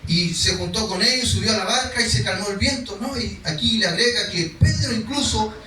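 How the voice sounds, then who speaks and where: A brisk, forceful preacher with a bright, high voice reads a scripture passage and then unpacks it in an easy, chatty way, now and then imitating the people crying out. He sounds distant in an echoey hall, with soft music playing in the background.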